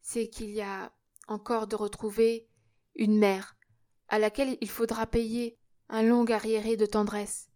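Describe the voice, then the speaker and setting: A woman reading the part of a loyal, warm-hearted young male worker, speaking tenderly and earnestly. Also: fairly high pitch, level tone, measured pace, lightly acted. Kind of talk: audiobook character reading.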